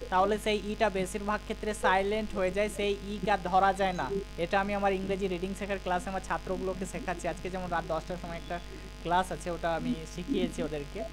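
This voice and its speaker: A man teaching a live online grammar class, explaining patiently step by step and quizzing his students. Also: high voice.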